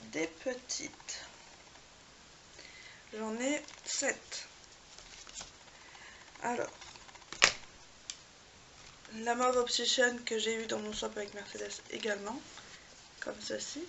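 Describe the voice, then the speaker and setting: A woman's voice: fairly high pitch, steady tone, slow, creaky, long pauses, background noise. A woman showing her makeup palettes to the camera in a casual video, chatty and full of hesitations. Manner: chatty, many hesitations and fillers. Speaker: beauty vlogger.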